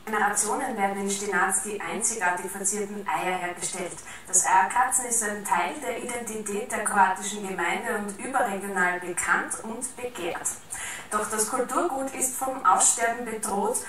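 A woman's voice: mid-range voice, normal speed. A woman reading a scripted television news report as a presenter. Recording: very echoey distant playback, crowd noise.

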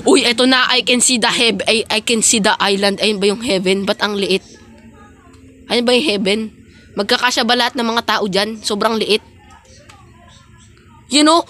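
A woman's voice: a little high, fairly bright tone, a little hiss or hum. A woman giving casual, playful game commentary, chatting and talking straight to her viewers. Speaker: gaming vlogger.

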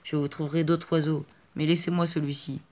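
A man's voice: fairly high pitch, flat delivery, fairly quick, a little mellow, lightly acted. A man voicing a frightened but defiant peasant boy in an audiobook reading, with a pleading, urgent delivery.

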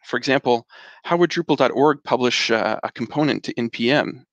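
A man's voice: medium pitch, a little fast, fairly bright tone, no room sound. A man presenting a project roadmap in an online conference keynote, explaining steadily with frequent fillers. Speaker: initiative lead presenter. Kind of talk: conference keynote over video call.

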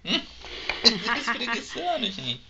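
A man's voice: extremely high pitch, wildly swooping pitch, measured pace, heavy background noise. A man chatting casually indoors, nervous and joking, yelping now and then. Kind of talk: casual chat. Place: house indoors.

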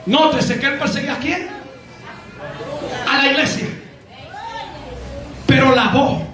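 A man preaching a fiery sermon as an evangelist, shouting and stretching his words, with frequent cries of praise. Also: very high-pitched, a little slow. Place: church hall with congregation. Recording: very echoey hall, music and crowd behind.

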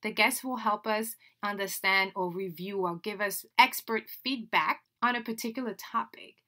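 Bright-voiced French-speaking podcast host woman. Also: mid-range voice, normal speed. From Senegal. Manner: chatty and upbeat, laughs between phrases. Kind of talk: solo podcast introduction.

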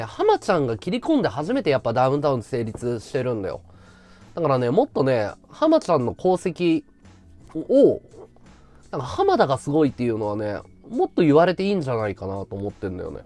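A man with a fairly high, warm voice hosts a casual livestream chat. He talks freely and chattily, reacting to viewer gifts and thanking people for them.

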